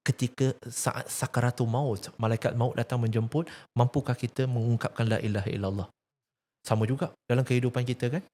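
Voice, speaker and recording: A man's voice: medium pitch, fairly even intonation, fairly quick, mellow. A man with a Malaysian accent, talking earnestly about faith, asking rhetorical questions and telling a teaching story. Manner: emphatic, preaching tone, rhetorical questions. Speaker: religious activist speaker.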